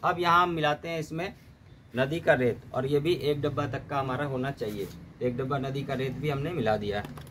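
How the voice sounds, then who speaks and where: A man giving a steady, step-by-step gardening demonstration, often mixing English terms into his explanations. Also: medium pitch, normal speed, noisy background. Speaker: gardening instructor.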